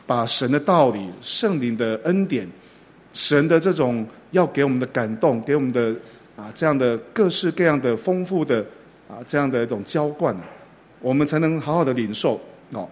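A man preaching a sermon, telling a folksy story in a gentle way and often dropping short filler sounds between phrases. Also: medium pitch. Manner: frequent filler particles like "ah" and "ha".

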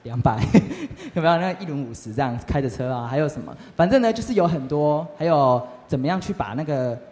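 A young man tells a lively testimony story to a youth group, often asking the audience questions. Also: on the high side, fairly quick. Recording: reverberant hall.

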